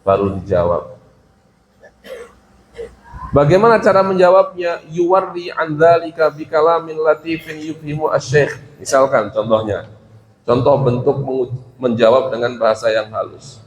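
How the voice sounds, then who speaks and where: A man's voice: on the high side, moderate pace, highs cut off. A man teaching a religious lesson, reading Arabic phrases from a classical text, explaining them and acting out small dialogues. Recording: roomy with faint ambience.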